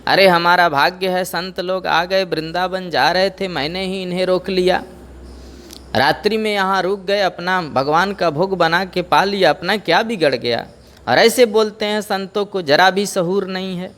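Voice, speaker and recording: A man voicing a sharp-tongued village wife who scolds her husband in a rapid, rebuking way. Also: high-pitched, pitched above the performer's own voice. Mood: scolding.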